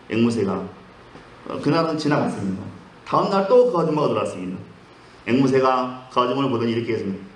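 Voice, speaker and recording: Korean pastor guy giving a sermon, tells little jokes and does the voices, mid pitch, really echoey room. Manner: storytelling, acts out quoted voices.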